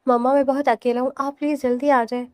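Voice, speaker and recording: A tearful young man in an audio novel begs his mother to come home, his voice choked and childlike, as a woman narrator reads his lines. The voice sits high and close, with no room sound. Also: level tone, no room sound, lightly acted. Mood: tearful pleading.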